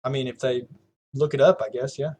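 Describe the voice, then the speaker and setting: Speaking at a brisk clip with a steady, dark medium-pitched voice, a young man with a Southern US accent hosts a podcast. The chat is casual and rambling, full of fillers and regular laughs.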